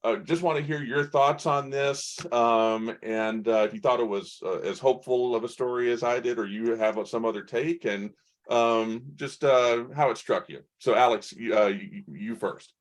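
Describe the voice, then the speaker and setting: A man's voice: medium pitch, moderate pace. A man hosting a tech panel show, talking loosely with many fillers and restarts as he hands questions to guests. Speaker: show host. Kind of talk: panel discussion moderation.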